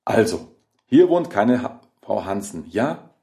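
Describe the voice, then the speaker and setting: A man reading a horror story aloud and voicing a polite, gentlemanly antique dealer who speaks in a deliberately calm way. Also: fairly low pitch, heavily acted. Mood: puzzled.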